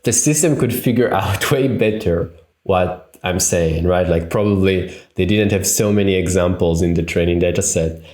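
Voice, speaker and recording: The tutorial instructor, a man in his thirties with an Israeli accent, has a deep, slightly mellow voice at a moderate pace. Teaching via webcam on a video call from his home room, he thinks out loud, correcting himself and using many fillers. Echo fills the room.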